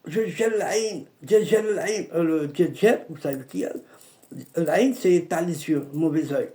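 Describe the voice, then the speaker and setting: A man's voice: a little high, lively intonation, moderate pace, dark tone. A man telling a personal story of an exorcism, repeating himself with many restarts and Arabic religious phrases.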